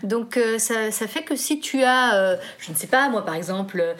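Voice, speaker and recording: A woman's voice: a little high, expressive, normal speed, a bit bright. A woman player in a game podcast, talking hesitantly with many fillers and mock-formal turns of phrase. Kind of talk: casual chat.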